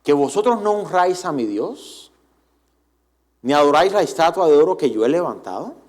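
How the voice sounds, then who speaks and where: A man's voice: fairly high pitch, animated, normal speed, a little mellow, lightly acted. A man putting on a menacing angry king. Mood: threatening. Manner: menacing, interrogating. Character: angry threatening adult male king. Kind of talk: sermon.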